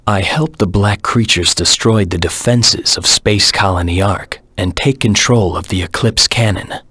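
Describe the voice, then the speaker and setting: A man voicing a brooding, vengeful hedgehog antihero in a video game, grave and terse with a gruff, husky voice. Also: on the low side, measured pace, bright, forceful tone, no room sound, full character voice. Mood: grave recounting. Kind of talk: video game voice acting, dramatic monologue.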